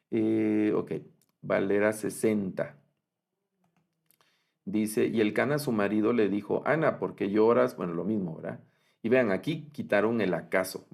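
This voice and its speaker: A man's voice: deep voice, vocal fry, darkish tone. A man teaching a Biblical Hebrew class, explaining patiently and often checking with "¿verdad?". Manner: explanatory, repeats points, frequent "¿verdad?" checks; reads out Hebrew phrases slowly and with emphasis. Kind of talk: online lecture with screen sharing.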